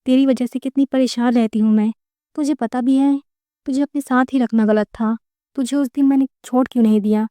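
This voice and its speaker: A woman's voice: sits high, fairly even intonation, a little fast, dark tone, no echo, lightly acted. A woman voicing a weary, short-tempered single mother in a storybook reading, speaking curtly. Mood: angry. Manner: scolding, curt.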